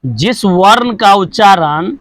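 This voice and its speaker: A male teacher with a high, animated, somewhat bright voice speaks slowly in a recording with no room sound. Teaching grammar, he repeats every point, poses questions he answers himself, and drills sounds individually.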